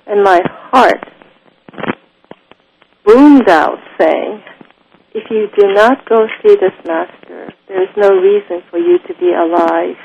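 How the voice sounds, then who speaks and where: A woman from Japan, a guest in an interview, speaking thoughtfully and pausing often. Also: medium pitch, vocal fry, darkish tone, a little hiss or hum, low-quality recording. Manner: slow, thoughtful, often pauses with ums. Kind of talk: unhurried spoken interview.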